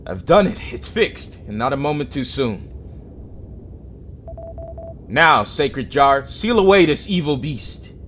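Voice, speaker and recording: A man's voice: mid-range voice, big pitch swings, slow pace, pauses often, fairly bright tone, slight background noise. A man voicing a self-important male explorer who talks in pompous, formal phrasing.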